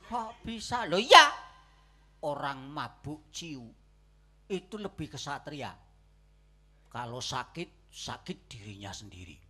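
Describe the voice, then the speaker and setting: A man plays a drunkard on a comedy stage, sly and preachy. His talk is low and slow, delivered with mock-solemn weight in a forceful, bright tone. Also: big pitch swings, husky, full character voice. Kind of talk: stage comedy theatre acting.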